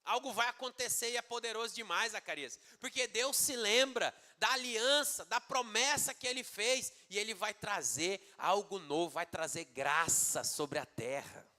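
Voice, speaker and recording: A man's voice: high-pitched, moderate pace, few pauses, sharp tone. A man voicing an angel messenger who makes a solemn proclamation. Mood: proclaiming.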